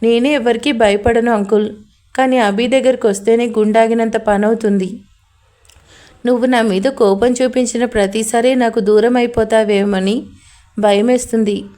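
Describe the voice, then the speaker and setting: A woman's voice: on the high side, steady tone, normal speed, warm tone, natural voice. A woman reading a drunk, heartbroken young woman. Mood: tearful.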